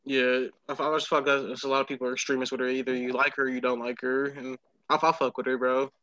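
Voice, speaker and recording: A man's voice: medium pitch, flat delivery, fast, sharp tone, no room sound. A man co-hosting a podcast in casual chat, joking, laughing a lot and repeating himself. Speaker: podcast co-host. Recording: dry, muffled.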